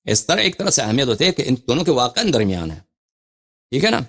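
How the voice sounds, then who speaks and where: A male religious scholar giving a lecture on scripture. He reads quoted passages slowly, then explains them with emphatic, repeated phrases. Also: mid-range voice, sing-song, fairly bright tone. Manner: repeats and restarts phrases while thinking aloud.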